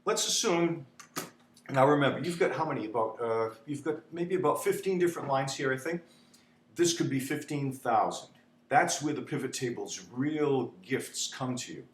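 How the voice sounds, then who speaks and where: A man's voice: medium pitch, normal speed. Chatty man teaching spreadsheets, echoey room. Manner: chatty, repeats "okay?", dramatizes panic. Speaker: instructor. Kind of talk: spreadsheet tutorial. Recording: echoey room with faint hum.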